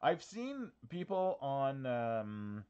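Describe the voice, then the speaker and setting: A man's voice: medium pitch, very animated, extremely slow, darkish tone, clean tone, highs cut off. Chatty man thinking aloud in an office. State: has the hiccups. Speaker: diorama workshop host. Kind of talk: casual live office-cam walkthrough.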